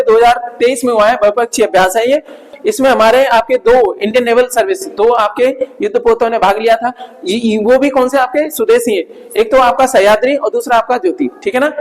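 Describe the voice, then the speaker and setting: A male coaching teacher giving a revision lecture, asking his students questions and answering them himself, repeating key points as memory tricks. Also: very high-pitched. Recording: long hall reverb.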